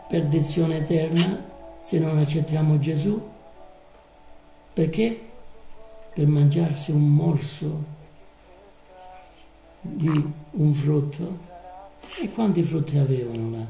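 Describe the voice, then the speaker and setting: A man preaching a live sermon, slow and emphatic, drawing out his words. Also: on the high side, creaky, dark tone, reverberant, low-quality recording.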